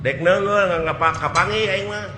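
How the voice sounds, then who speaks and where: A man voicing a cheeky, quick-tempered clown in comic puppet theatre, with coarse, mocking, excitable delivery. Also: sits high, natural voice. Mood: angry, cursing. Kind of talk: comic wayang golek puppet acting. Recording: echoey hall, music behind.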